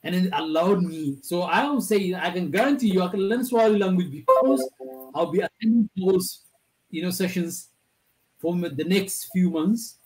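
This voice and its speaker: A high-voiced man with a darkish tone, an Amharic speaker from Ethiopia with a matching accent, rambles through a story on a video call. He is a panel speaker in a casual discussion and frequently restarts phrases, and the audio quality is poor.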